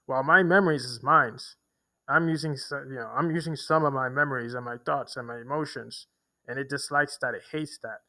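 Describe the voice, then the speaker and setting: A young man rambles through a personal story with lots of false starts and repeats. His voice is gravelly and bright, and it sits at an ordinary pitch for a man. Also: steady tone, fairly quick, rough recording. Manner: rambling, repetitive, with many restarts and fillers. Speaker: vlogger. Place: homeless shelter in a big city.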